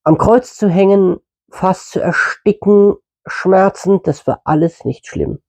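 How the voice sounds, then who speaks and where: A man's voice: sits high, takes it slowly, a little mellow. A man giving informal Bible teaching in a conversational way, with fillers and mid-sentence self-corrections. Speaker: preacher.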